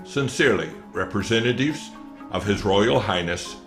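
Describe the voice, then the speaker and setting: A man giving formal, measured narration for a mock documentary. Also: on the low side, animated, music in the background.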